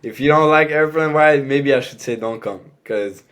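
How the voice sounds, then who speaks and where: At normal speed, with a mid-range and slightly bright voice, a young adult Rwandan man chats easily on a podcast. He grew up speaking a Rwandan language, also knows French, and leans on "you know what I'm saying" throughout the casual talk.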